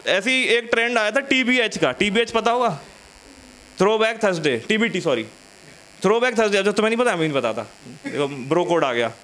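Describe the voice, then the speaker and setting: A male stand-up comic with a notably high voice, spinning stories in a loose, chatty way. He keeps breaking off to banter with his audience on a small studio stage. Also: expressive, brisk, sharp tone. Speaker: stand-up comedian. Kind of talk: stand-up comedy set.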